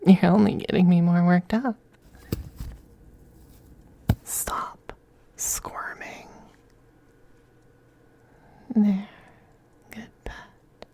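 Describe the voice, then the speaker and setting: A man performs an intimate ASMR roleplay as a teasing, possessive femboy vampire, speaking softly and breathily, often whispering, with condescending, coaxing tenderness. His exaggerated voice sits high, creaky and husky, with no room sound.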